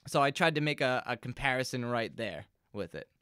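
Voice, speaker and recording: A man's voice: mid-range voice, expressive, fairly quick, pushed and bright, clean tone, no room sound. A young man, a musician guest, chatting casually into a close microphone in an interview and acting out the voices of people in his stories. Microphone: close podcast microphone.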